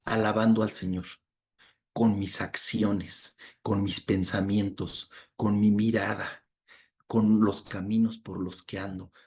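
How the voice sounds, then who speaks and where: Husky man teaching Bible study. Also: on the low side. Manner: conversational, checks in with listeners, reads verses aloud. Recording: dull lo-fi recording.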